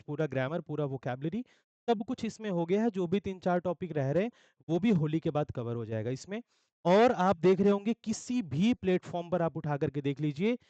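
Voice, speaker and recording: A young man from India, an English teacher with an Indian accent, promoting his course batches in an energetic sales pitch, often checking in with listeners. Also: no room sound, highs cut off. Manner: mixes Hindi with English phrases. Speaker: English teacher for exam aspirants.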